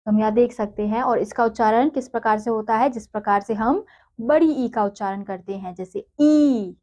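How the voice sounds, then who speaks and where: A woman teacher giving a reading lesson to children, spelling words out syllable by syllable in a drawn-out way and then asking brisk questions. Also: a little high, darkish tone. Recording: dull lo-fi recording.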